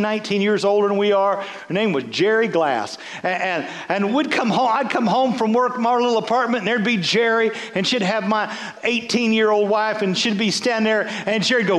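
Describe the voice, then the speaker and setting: A pastor preaching a sermon, telling stories with many stammering restarts. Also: male voice, high-pitched. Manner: storytelling, animated, stammering restarts.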